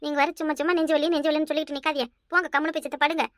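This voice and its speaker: A woman doing a calm, reassuring young daughter-in-law for a cartoon, with a Kanyakumari Tamil accent. Her high voice is quick and teasing, and the recording is dry and close. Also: no echo. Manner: soothing, teasing. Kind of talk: cartoon voice acting.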